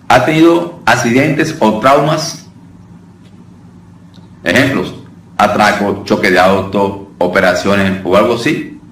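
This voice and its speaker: A man's voice: lowish voice, fairly bright tone. Man preaching in a roomy hall. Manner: conversational, often calls listeners brother, with many restarts. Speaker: deliverance minister teaching. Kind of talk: informal preaching lesson. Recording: roomy sound from a distant mic with faint noise.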